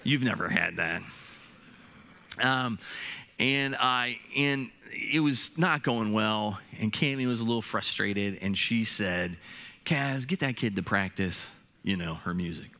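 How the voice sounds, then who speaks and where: A middle-aged man preaching a sermon to his church, animated and expressive, often restarting his phrases as he builds a point. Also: on the low side, unhurried. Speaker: pastor.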